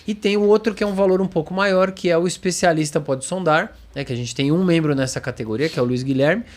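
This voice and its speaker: Higher-voiced man hosting. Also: quick pace. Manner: conversational, frequent tag questions. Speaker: podcast host. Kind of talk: casual podcast chat.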